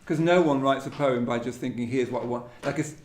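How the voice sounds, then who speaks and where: Mid-range and a little mellow, this man's voice moves slightly fast as he hosts a poetry evening. His literary remarks are reflective and tentative, often trailing into a questioning tag, captured with roomy echo and faint noise in an echoey indoor venue.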